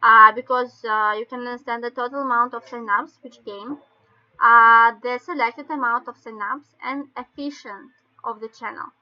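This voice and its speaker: A woman with a Russian accent explains things step by step in halting non-native English, like an informal online training session. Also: fairly high pitch, fairly even intonation. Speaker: webinar presenter. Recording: dull lo-fi webinar call audio.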